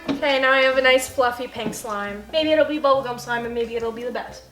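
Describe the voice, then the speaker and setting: A woman's voice: on the high side, a little fast. A young woman chatting casually while making slime, giggling at her own jokes. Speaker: vlogger. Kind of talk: casual chat. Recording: echoey room with background music.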